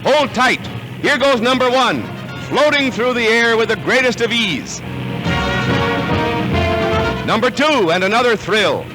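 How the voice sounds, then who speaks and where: An American man reads scripted 1940s newsreel narration in a punchy, dramatic announcer style over music on a vintage film soundtrack. His very high voice is animated and measured, with long pauses, and the recording is rough.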